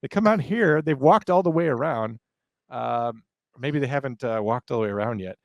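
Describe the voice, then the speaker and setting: A man's voice: medium pitch, lively intonation, normal speed. A man hosts a casual commentary in a mid-range voice. His delivery is explanatory with a sardonic edge, recorded very dry without room echo. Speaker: commentary show host.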